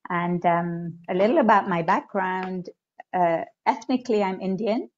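A middle-aged woman from Tanzania, an executive coach speaking as a guest. She talks in a measured, thoughtful way from home on a video call. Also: on the low side, darkish tone. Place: room at home. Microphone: laptop webcam on a video call. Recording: dull lo-fi video-call audio.

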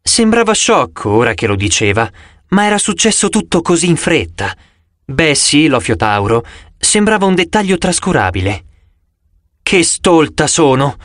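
A man reading a first-person audiobook in an expressive, theatrical way. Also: fairly high pitch, moderate pace, no room sound, studio quality. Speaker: audiobook narrator. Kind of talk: first-person scripted narration.

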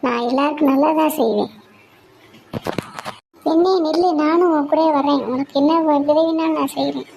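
A woman's voice: high voice, steady tone, moderate pace, creaky, long pauses, a little mellow. A woman voicing a sly man who coaxes a girl to trust him in a magic fort story, in a noisy recording. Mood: coaxing. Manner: coaxing, insistent. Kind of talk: storybook voice acting.

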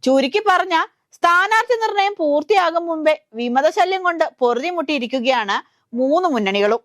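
A woman's voice: high voice, lively intonation, normal speed, a bit bright, dry recording, clean studio sound. A woman with a Malayali accent reading a scripted news voice-over in a wry, satirical storytelling way. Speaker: news narrator.

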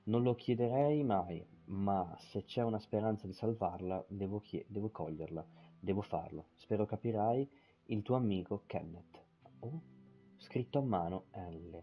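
Man, casual swearing, stumbly reads, husky, muffled mic. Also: on the low side, unhurried, faint music behind. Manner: swears casually, stumbles over words while reading. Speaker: streamer playing a game. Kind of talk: live gameplay commentary and reading in-game texts aloud.

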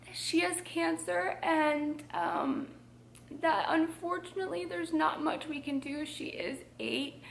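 A young woman vlogging a personal update at home, emotional and hesitant, pausing often with fillers. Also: mid-range voice, fairly bright tone. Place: at home with her dog.

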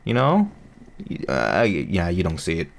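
This gaming YouTuber's voice sits low and slightly slow, with huge swings in pitch and some vocal fry. He's a young man who isn't a native English speaker, and his casual commentary wanders along, self-deprecating and packed with fillers and false starts.

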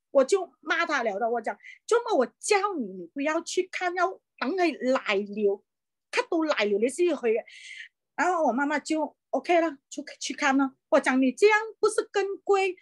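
A middle-aged woman giving an earnest, heartfelt personal testimony as a business leader, often pausing on hesitant fillers. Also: high-pitched, no echo. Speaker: business leader sharing her story.

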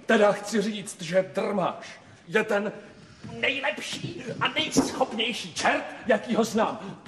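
An actor playing a servile, flattering devil in a fairy-tale film. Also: male voice, high voice, echoey room, a little hiss or hum. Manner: fawning, deferential.

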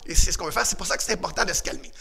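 A man teaching a karate class for children on video, shouting commands and leading call-and-response drills. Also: high-pitched, animated, very fast, creaky, soft background music. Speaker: karate and kickboxing instructor.

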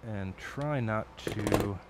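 Very slow and on the low side, this adult man's voice comes through a very noisy recording. An electronics hobbyist streamer, he builds a project at his home workbench late at night, chatting casually, rambling, cursing and correcting himself.

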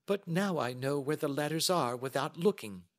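A man's voice: on the high side, animated, moderate pace, no room sound, clean studio sound, voice pushed up, lightly acted. A man voicing an anxious, chatty young female client in an audiobook, with a flustered, rambling manner. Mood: startled. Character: anxious, good-humored, chatty large young woman client. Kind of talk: audiobook character dialogue.

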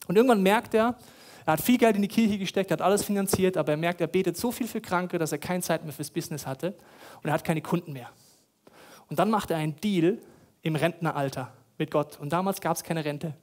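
A man's voice: sits high, brisk. A man preaching a sermon, retelling stories dramatically and repeating phrases for emphasis. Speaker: pastor.

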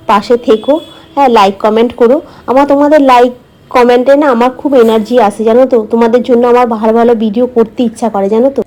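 A woman's voice: a little high, darkish tone. A woman chatting casually to her viewers as a vlogger, explaining her daily routine, with a slight cold in her throat.

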